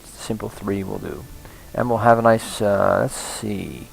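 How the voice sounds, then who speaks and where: Gravelly man narrating gameplay. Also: on the low side, a little slow, faint music behind, rough recording. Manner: rambling, thinking aloud with restarts and chuckles. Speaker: let's play host. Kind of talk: casual gameplay commentary.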